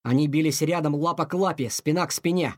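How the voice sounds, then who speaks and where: A man narrating a children's adventure story in an expressive, dramatic reading. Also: fairly high pitch, fast, dry recording, clean studio sound.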